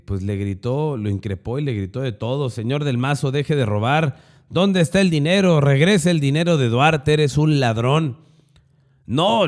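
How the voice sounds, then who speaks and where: A man's voice: mid-range voice, a little mellow. A man with a Mexican accent hosting a news podcast, giving opinionated commentary with sarcastic, crude slangy asides.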